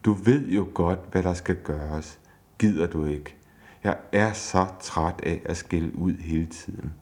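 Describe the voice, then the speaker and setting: A man's voice: low voice, a little mellow, lightly acted. A man voicing an exasperated wife who scolds and swears at her husband, read aloud from a book. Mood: pleading, fed up. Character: fed-up wife, angry and nagging.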